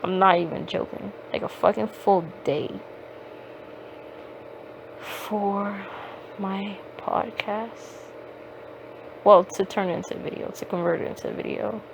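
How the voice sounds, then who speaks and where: A woman's voice: medium pitch, steady tone, measured pace, vocal fry, pauses often, slight background noise, rough recording. A woman hosting a podcast, rambling casually with lots of fillers and swearing, recorded on her phone. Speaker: podcast host. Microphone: phone microphone.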